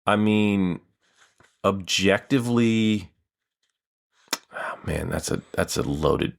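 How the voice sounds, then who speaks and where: A man's voice: sits low, lively intonation, slow, creaky, no echo, studio quality. A man in his thirties, a guest on a podcast, talking casually and at length, with the odd swear. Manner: rambling, long-winded, casual swearing. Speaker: improviser and guest.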